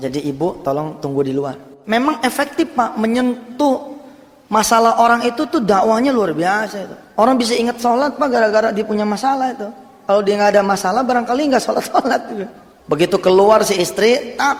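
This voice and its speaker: A man preaching a sermon, telling a counseling story with lively swings between loud urging and hushed tones. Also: on the high side. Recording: long hall reverb.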